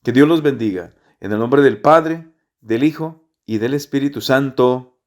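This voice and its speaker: A man's voice: medium pitch, unhurried. A man giving an earnest, repetitive gospel reflection to listeners as a preacher.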